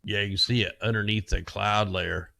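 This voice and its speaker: A man's voice: on the low side, fairly even intonation, normal speed, gravelly, pushed and bright. A man casually talking through weather maps as host, rambling and conspiratorial, with his voice getting worn. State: losing his voice. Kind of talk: casual screen-share commentary.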